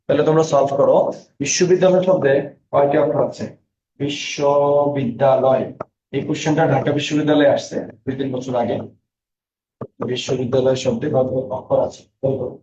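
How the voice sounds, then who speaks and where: A man's voice: mid-range voice, fairly even intonation, quick pace, mellow, a little hiss or hum. A man teaching a Bangla lesson, calling out student names and drilling them with repeated questions. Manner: reads out student names and answers. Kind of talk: online class lecture. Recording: echoey, distant, dull lo-fi.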